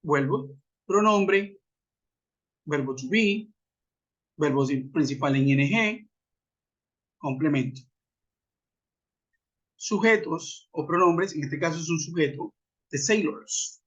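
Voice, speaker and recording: Male English teacher, unhurried and methodical delivery, lo-fi web conference audio. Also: fairly high pitch, expressive, a bit bright, slightly rough. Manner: methodical, spells out letters and rhetorical questions. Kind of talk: online grammar lesson. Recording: dull lo-fi web call audio.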